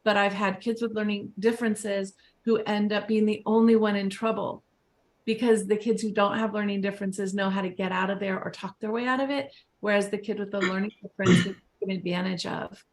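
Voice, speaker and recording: A woman with years as a teacher speaks earnestly on a panel, pressing her points with emphasis. Her voice sits at an ordinary middle pitch. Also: fairly even intonation, fairly quick. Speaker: teacher and education consultant. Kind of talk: panel discussion.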